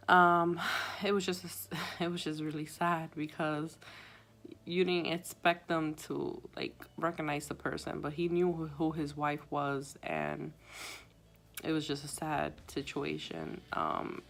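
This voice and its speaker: Low-voiced young woman telling a story. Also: level tone, slow pace, gravelly, fairly bright tone, poor audio. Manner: chatty, filler-heavy, subdued. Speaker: hospital patient sitter. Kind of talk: casual story-time vlog. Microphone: phone.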